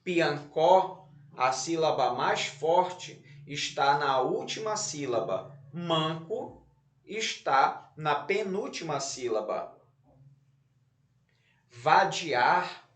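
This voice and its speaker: A man from Brazil with a northern Brazilian Portuguese accent, a teacher giving a recorded class and sounding words out slowly and patiently. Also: on the high side, roomy sound. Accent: Brazilian Portuguese, northern (Pará). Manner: slow, patient, stresses words syllable by syllable. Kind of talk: recorded remote class lesson.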